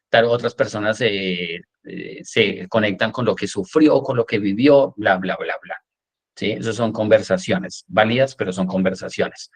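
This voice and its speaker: A man lecturing a workshop class, animated, often checking in with "¿sí?" and acting out examples. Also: medium pitch. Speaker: coach teaching a workshop.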